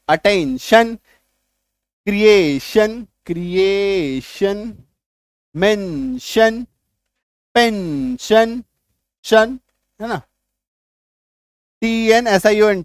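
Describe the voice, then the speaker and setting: A man with a fairly high voice gives an English reading lesson with a Hindi accent. He spells words letter by letter and keeps checking in with his students. The sound is dry and close, with almost no room echo. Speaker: English teacher. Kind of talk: classroom-style video lesson.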